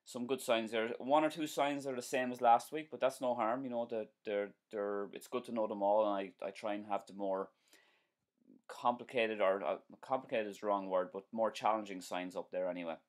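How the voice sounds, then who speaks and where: A driving instructor from Ireland, in his forties, chats with viewers during a live stream from a small room at home, speaking with an Irish accent. He is friendly and talkative, repeats himself, restarts often and says um and uh a lot. His voice runs on the low side, brisk, with fairly even intonation.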